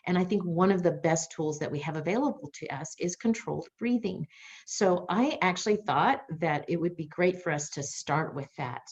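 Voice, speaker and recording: A woman's voice: fairly low pitch, a little mellow, muffled recording. A woman, a nonprofit's executive director, hosting a webinar in a friendly, conversational and somewhat rambling way. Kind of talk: webinar presentation.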